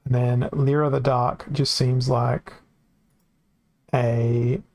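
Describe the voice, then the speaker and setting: A man's voice: medium pitch, flat delivery, slow, darkish tone, a little hiss or hum. A man streaming a card game from home into a desk microphone, thinking aloud and correcting himself as he goes, his voice worn from hours of talking. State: voice getting worn from long talking. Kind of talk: casual game stream commentary.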